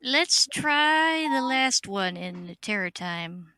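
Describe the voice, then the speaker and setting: A woman's voice: medium pitch, animated, takes it slowly, sharp tone. A woman playing in an online quiz game on a voice call, hesitant and often starting with filler sounds. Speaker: quiz contestant. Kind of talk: casual chat on a voice call.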